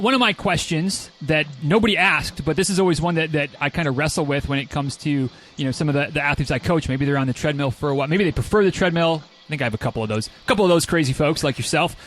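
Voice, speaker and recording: A man's voice: on the high side, fast talker, fairly bright tone, a little hiss or hum. A man hosting a casual interview podcast, talking in a rambling way and repeating words as he works toward his point. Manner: rambling, repeats words while forming questions. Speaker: podcast host, running coach.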